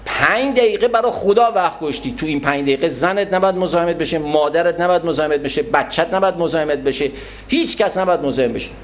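Animated high-voiced man giving a sermon. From Iran. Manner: animated, acts out people in little scenes. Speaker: Quran scholar and lecturer. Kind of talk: religious lecture on prayer.

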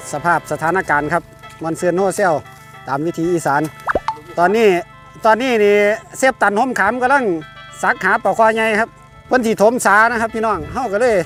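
A man's voice: sits high, a bit bright. Exclamatory Isan man narrating a fishing outing. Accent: Northeastern Thai (Isan). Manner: exclamatory, repeats words. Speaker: fishing vlog host. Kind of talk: casual running commentary to viewers. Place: outdoors at a rural pond.

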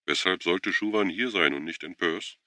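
A man's voice: low voice, moderate pace, bright, forceful tone, dry recording, voice pushed up. A man reading an audiobook voices a tired, irritated woman who is a nurse, curt and weary, pleading when pressed.

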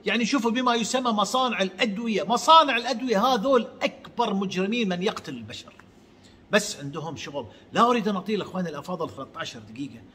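A man giving a heated religious monologue, swinging between shouts and low mutters. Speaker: channel host.

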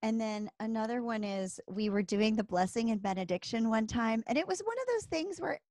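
A woman in her thirties co-hosting a faith podcast in casual chat, chatty and quick to laugh at herself. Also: fairly high pitch, lively intonation, a little mellow, no room sound. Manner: chatty, laughs easily, self-deprecating. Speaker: podcast co-host.

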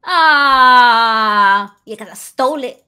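A giggly woman bantering through a co-op game. Her voice is high and bright, with a very lively melody that leaps into shrieks. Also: moderate pace. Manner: giggly, screams at in-game dangers. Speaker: gaming co-host. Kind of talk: playful gaming banter.

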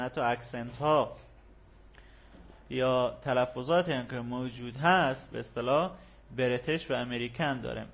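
A male English teacher who reads English phrases slowly and carefully, then explains them quickly in casual Persian with plenty of fillers. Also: mid-range voice.

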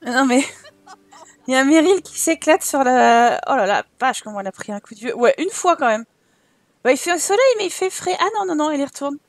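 Young woman, high-pitched, casual let's-play commentary, exasperated and swearing. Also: expressive, a little fast, dry recording. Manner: exasperated, swears at the game, talks to her Sims. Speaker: Sims let's play streamer.

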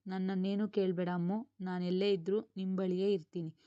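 Resolute young son, voiced by a woman reader, firm and even, mellow tone. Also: mid-range voice, fairly quick, smooth, dry recording, dull audio, close to an everyday voice. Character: young man, calm, resolute law student son.

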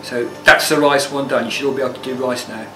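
This is a plain-spoken, informal cooking demo from a middle-aged man who works as a chef and cookery teacher, filmed in an indoor commercial kitchen lined with steel. His mid-range voice moves at a quick pace with fairly even intonation. He is recorded from a distance, and the roomy, off-mic sound carries music.

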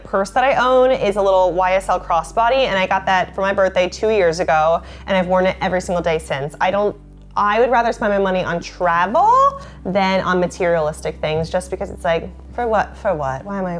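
A woman in her late twenties chatting casually to camera, bubbly and talkative, filling her sentences with "like". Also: medium pitch. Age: late 20s. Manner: chatty, lots of "like" fillers, bubbly.

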